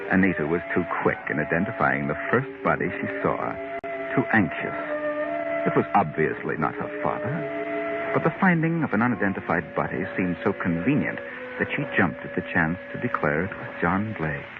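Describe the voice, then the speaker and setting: A sinister storyteller speaks very low over loud music on a muffled 1940s radio recording. He is knowing, mocking and theatrical as he narrates a mystery. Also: sing-song, moderate pace. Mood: sardonic. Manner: sardonic, theatrical.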